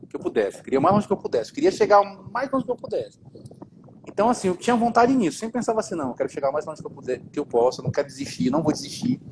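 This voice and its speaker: A man's voice: on the high side, noisy background. A man with a Brazilian accent telling his story in a casual live interview, informal and swearing as he goes, often repeating himself. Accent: Brazilian Portuguese. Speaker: guest.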